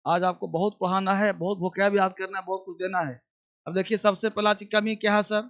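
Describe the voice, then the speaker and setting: A man's voice: sits high, level tone, a little fast, a bit bright, highs cut off. A man teaching a basic English class, drilling words and repeating questions for students to answer.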